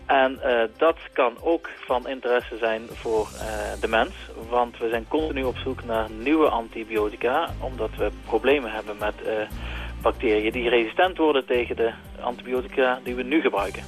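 A man's voice: mid-range voice, moderate pace, faint music behind. A man explaining science informally as an expert guest, hesitant and searching for words. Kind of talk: informal explanation for radio listeners.

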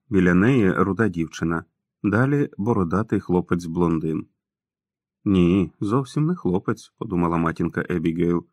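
A man narrating an audiobook in a calm, even storytelling manner. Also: sits low, no room sound, clean studio sound. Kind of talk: scripted narration.

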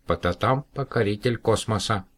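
Storybook alien: a tiny proud plant from space, a man doing the voice, formal like a little old man, pitched up. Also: moderate pace, natural voice.

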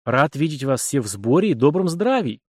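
A man's voice: medium pitch, big pitch swings, moderate pace, husky, no room sound, clean studio sound. A man voicing a smug, overly polite young officer in a storybook reading, flowery and ingratiating.

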